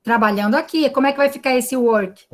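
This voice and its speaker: This is a woman teaching English online by video call, her voice a little high and her delivery brisk. She carries a Brazilian Portuguese accent, explains with patience, and often checks in using tag questions.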